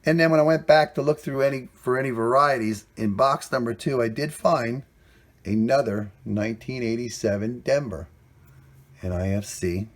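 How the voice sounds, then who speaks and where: A man with a mid-pitched voice hosts a coin hunting vlog from indoors at home. He talks casually and plainly, cheerful as he walks through what he found. The sound is a simple camera mic recording. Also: normal speed. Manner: chatty, plainspoken, upbeat about finds. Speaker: coin roll hunting channel host.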